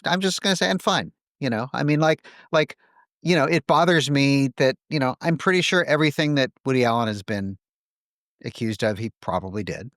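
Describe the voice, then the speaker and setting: A man's voice: medium pitch, fairly quick, a bit bright, no echo, studio quality. A man hosting a podcast, thinking aloud in a hesitant, filler-heavy way. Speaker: podcast host. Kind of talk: casual conversation.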